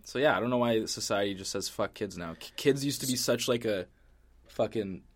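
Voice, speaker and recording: Laid-back young man with a low voice. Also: fairly quick. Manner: laid-back, profane, drops his voice low. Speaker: podcast co-host. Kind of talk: casual chat.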